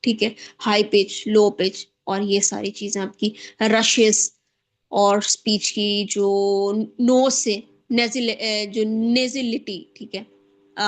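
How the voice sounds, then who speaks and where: A woman giving an online lecture on speech disorders, halting often and restarting words as she explains terms. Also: medium pitch. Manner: halting, repeats and corrects terms, mixes English terms in.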